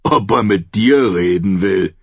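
A man playing a booming, laughing wildling chief. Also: takes it slowly, no room sound, heavily acted. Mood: roaring jovial. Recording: muffled lo-fi recording.

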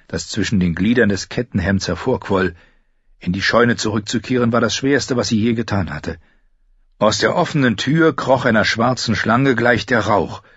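A man's voice: on the low side, breathy edge, dry recording, highs cut off. A man reading a fantasy novel aloud as an audiobook narrator, telling it steadily and raising his voice for the characters' lines.

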